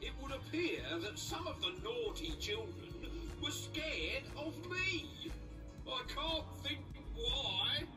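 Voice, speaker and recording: An actor playing a creepy, gleeful storyteller of grim children's cartoon tales, with a macabre, drawn-out delivery. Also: male voice, very high voice, lively intonation, far from the mic, music in the background, heavily acted. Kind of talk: theatrical cartoon narration with character voices.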